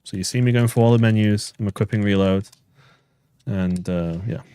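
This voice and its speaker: A man's voice: fairly low pitch, steady tone, normal speed, warm tone, clear, resonant tone, no room sound. A man from England, co-hosting a game livestream in casual chat and laughing easily. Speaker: stream co-host. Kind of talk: casual chat while gaming.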